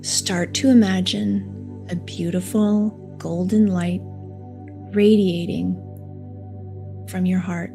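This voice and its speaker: Slow, soft woman guiding a meditation. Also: on the low side, steady tone, creaky. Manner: soft, unhurried, soothing delivery with long pauses. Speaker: live stream meditation host. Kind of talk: slow guided meditation, read from a script. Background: New-age music.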